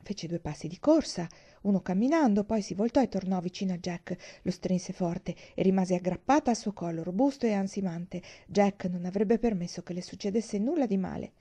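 A woman reading a children's novel aloud, in a gentle, measured storytelling voice. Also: medium pitch. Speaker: audiobook reader.

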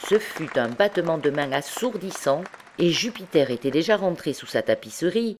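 A woman reading a classic novel aloud as an audiobook narrator, with expressive delivery. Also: sits low, moderate pace, crowd noise, noisy background. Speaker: audiobook reader.

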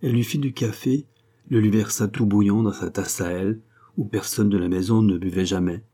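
A man narrating a classic novel in a measured, expressive audiobook reading. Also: lowish voice, slightly rough.

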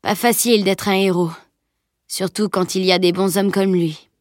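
A woman's voice: medium pitch, steady tone, normal speed, no room sound, studio quality, natural voice. A woman reading a burly jovial knight. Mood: earnest telling. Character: huge jovial male knight, gruff and teasing.

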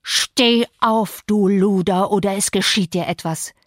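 A woman's voice: on the low side, fairly even intonation, normal speed, no echo, studio quality, natural voice. A woman doing a brooding, menacing man. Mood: threatening. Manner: muttered, threatening. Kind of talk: audiobook character voice.

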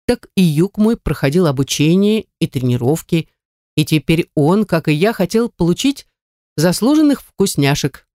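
A woman narrating an audiobook in the first person, with expressive storytelling. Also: lowish voice, normal speed, dry recording, studio quality. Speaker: audiobook reader. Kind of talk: scripted narration.

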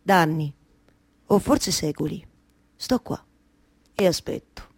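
An actress with a Roman Italian accent plays a melancholy, wry waiting woman in a theatrical monologue, her lowish voice slow, animated and heavily acted. Wistful and intimate, she uses incantatory repetition and colloquial storytelling, shifting between declaiming and intimate narration.

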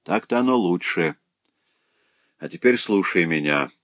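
A man voicing a brutal, vengeful man who threatens slowly in a hoarse voice. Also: low-pitched, expressive, fairly bright tone, no echo. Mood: gloating. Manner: slow, menacing threats.

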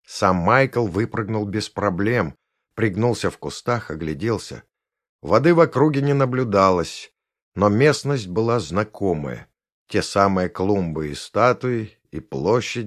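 Brief: male narrator, lower voice, expressive storybook reading. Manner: lively reading, shifts pitch for each character. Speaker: audiobook narrator. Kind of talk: scripted narration with character voices.

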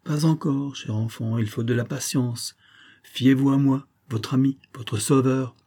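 A man voicing a smooth, scheming middle-aged army major with a coaxing, honeyed manner. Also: mid-range voice, steady tone, measured pace, dark tone. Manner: coaxing, honeyed, then contemptuous.

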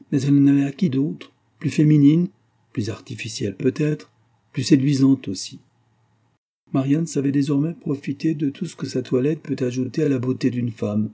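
Dark-voiced male audiobook narrator. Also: medium pitch, husky.

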